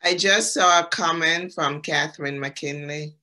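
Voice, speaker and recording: A man from the Caribbean speaks as an exhibiting artist in an online gallery talk. His voice is bright and forward, and he explains things in a loose, storytelling way, pausing on ums. The sound comes through a video call. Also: on the high side.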